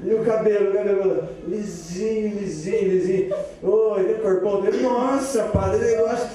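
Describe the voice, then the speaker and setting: A man's voice: high voice, fairly even intonation, moderate pace, warm tone, pitched above the performer's own voice, close to an everyday voice. A man voicing a nosy small-town priest who teases and pries. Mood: prying. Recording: echoey room, distant mic.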